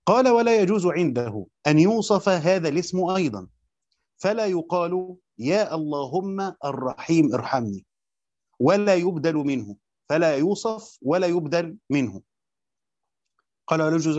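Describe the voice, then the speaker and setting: A man's voice: on the high side, lively intonation, normal speed, darkish tone, dry recording. A man with an Egyptian Arabic accent teaching a grammar lesson, reading a classical text aloud and then explaining it in everyday speech with hesitant restarts. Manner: hesitant, with frequent fillers and restarts. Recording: dull, muffled sound.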